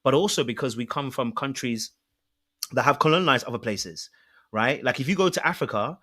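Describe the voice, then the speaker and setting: A man's voice: mid-range voice, bright, forceful tone. British male panelist, mid-range voice, talks through points with examples. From Britain. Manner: measured, explanatory, builds points with examples. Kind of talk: casual panel discussion.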